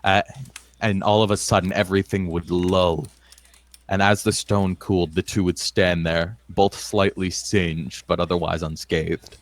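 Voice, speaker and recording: A deep, low-voiced man runs a tabletop role-play game. He narrates slowly and steadily, sometimes restarting a line. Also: little pitch movement. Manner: slow, measured narration with some restarts. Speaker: game master.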